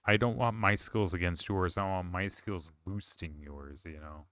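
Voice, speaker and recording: A man's voice: sits low, normal speed, a bit bright, no room sound. A man streaming a game, chatting casually with viewers in a rambling, self-correcting way. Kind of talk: casual chat while gaming.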